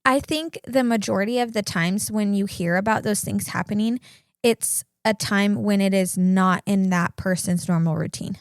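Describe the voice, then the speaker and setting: A young mother co-hosting a casual podcast chat. She sounds easygoing and reasonable and says "like" a lot. Her voice sits at a middle pitch and the recording is dry. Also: normal speed, clear, resonant tone, dry recording.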